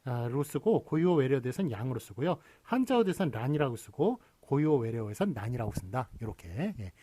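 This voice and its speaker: Middle-aged male lecturer, slightly husky, animated delivery, dry recording, patient step-by-step explainer. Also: mid-range voice, quick pace, dry recording. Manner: explains rules step by step with frequent "예" fillers. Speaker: university lecturer.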